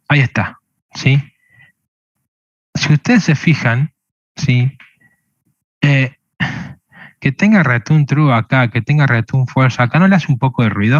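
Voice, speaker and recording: A man's voice: mid-range voice, dry recording, lo-fi sound. A man teaching a programming lesson, explaining step by step and checking with a questioning "¿sí?" again and again. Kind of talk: screen-recorded coding lesson.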